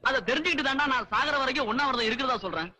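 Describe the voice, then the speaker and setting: A man's voice: very high-pitched, animated, very fast, over loud music. An actor playing a young male student sidekick making mock-serious jokes in a 1990s film. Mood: joking. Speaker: college student.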